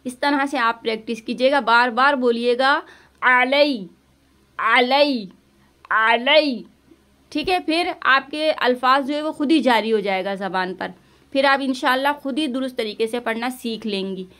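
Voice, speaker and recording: A woman teaching Quran recitation online, patiently correcting pronunciation, repeating syllables and drawing out recited words slowly. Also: high-pitched, a bit bright. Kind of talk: online tajweed lesson.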